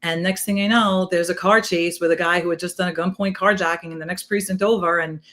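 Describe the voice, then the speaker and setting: Chatty New York woman storyteller. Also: on the low side. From South Queens, New York City. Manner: animated, fast, peppered with "like". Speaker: guest, retired police detective. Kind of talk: casual interview storytelling.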